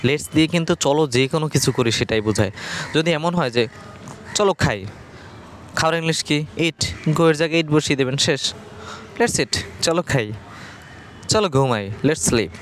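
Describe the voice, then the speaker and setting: A man teaching spoken English, explaining slowly and checking in with "okay?" often. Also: a little high, animated, a little hiss or hum. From Bangladesh. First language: Bengali. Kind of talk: casual classroom explanation.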